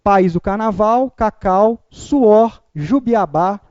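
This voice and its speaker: A man's voice: high voice, slow, a little mellow, dry recording, lo-fi sound. A man teaching a memorization lesson, upbeat and chatty, leading the listeners through call-and-repeat drills.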